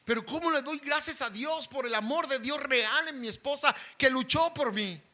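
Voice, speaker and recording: A middle-aged male pastor preaches an impassioned sermon in a very high-pitched voice at a moderate pace, swinging from loud pleading to hushed intensity.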